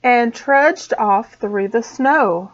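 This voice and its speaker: A woman teacher reading a storybook aloud to small children, expressive and slow. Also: on the high side, slight background noise. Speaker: preschool teacher. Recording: dull lo-fi sound.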